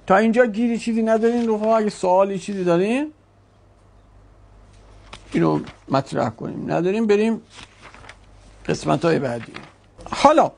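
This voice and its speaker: Gravelly male teacher drilling a class. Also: sits high. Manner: drills students with quick questions, firm and corrective. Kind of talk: classroom grammar lesson. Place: classroom with a board.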